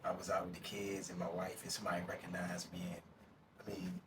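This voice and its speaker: A man's voice: sits low, monotone, fast talker, distant mic, background noise. A man, an actor guest, talking in a casual interview, emphatic and repeating himself. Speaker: actor and radio personality guest.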